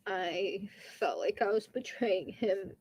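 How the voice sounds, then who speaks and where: Slow-speaking woman testifying in court. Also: medium pitch, darkish tone, a little hiss or hum, poor audio. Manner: brief, plain, halting answers. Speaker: witness testifying. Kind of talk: answering questions under courtroom examination.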